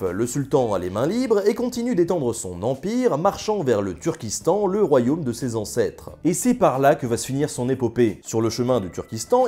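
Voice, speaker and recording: A man narrating history with an ironic, joking, colloquial touch. His pitch swings widely while the tone stays mellow and slightly husky. Faint music plays underneath. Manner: ironic, jokey, colloquial storytelling. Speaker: history video presenter. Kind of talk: scripted casual narration.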